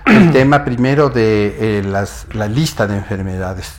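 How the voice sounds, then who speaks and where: A man's voice: lowish voice, expressive, measured pace. A man appearing as a geneticist guest on a TV interview, giving earnest, step-by-step explanations.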